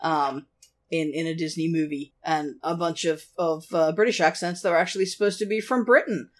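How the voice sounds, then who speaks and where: A woman co-hosting a casual film review podcast, animated and sweary, laughing often. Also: sits low, fairly quick. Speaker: podcast co-host.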